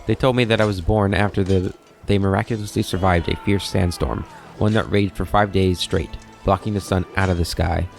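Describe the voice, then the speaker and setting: A disciplined veteran soldier who speaks with formal, measured dutifulness, as a man reads his lines in a low voice. He is a role-playing game character. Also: steady tone, gravelly, soft background music. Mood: earnest.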